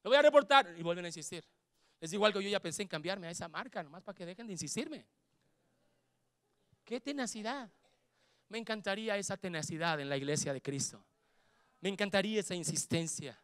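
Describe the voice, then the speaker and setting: A man with a Mexican Spanish accent preaching a sermon as pastor, fervent, building to shouts and acting out quoted voices. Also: sits high, fairly quick, long pauses, no room sound.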